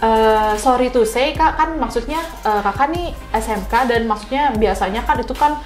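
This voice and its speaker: A young woman hosts a casual talk show interview in a chatty, informal style, repeating answers back as questions. Her voice is on the high side at a normal speed, recorded with a roomy echo and faint music behind.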